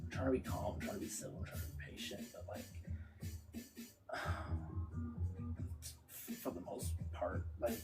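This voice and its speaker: A man talks casually into his live stream, drifting through a reflective, profane ramble packed with fillers. Loud music plays behind him the whole time. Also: on the low side, moderate pace, long pauses, poor audio. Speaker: livestreamer.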